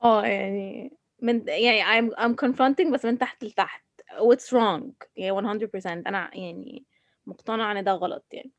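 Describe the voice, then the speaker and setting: A woman with an Egyptian accent talking casually about herself, halting and restarting as she switches between Arabic and English. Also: medium pitch, no room sound, muffled recording. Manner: mixes Arabic and English mid-sentence. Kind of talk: casual personal discussion.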